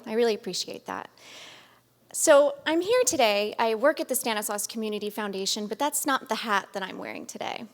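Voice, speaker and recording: Upbeat woman speaking in a reverberant hall. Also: mid-range voice. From Modesto, California. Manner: earnest, upbeat, emphatic. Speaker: guest speaker. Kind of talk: public talk at a community event. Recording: long reverb of a large hall.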